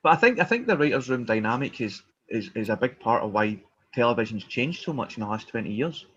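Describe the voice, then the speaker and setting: A man's voice: medium pitch, very animated, fairly quick, a bit bright, dull audio, slight background noise. A male stand-up comedian chatting casually in a hesitant, rambling, self-deprecating way. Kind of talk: casual chat.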